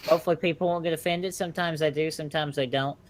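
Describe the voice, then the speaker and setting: A man's voice: a little high, steady tone, quick pace, slight background noise. A man from Alabama, co-hosting a podcast and chatting in a jokey, easygoing way. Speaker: podcast co-host. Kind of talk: casual chat.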